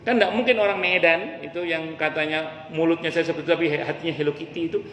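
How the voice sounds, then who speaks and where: A man's voice: on the high side, steady tone, fast, fairly bright tone, a little hiss or hum. A man giving a casual, humorous religious study lecture in a mosque, addressing the ladies in the audience directly. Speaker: preacher. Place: mosque hall. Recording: echoey hall with faint ambience.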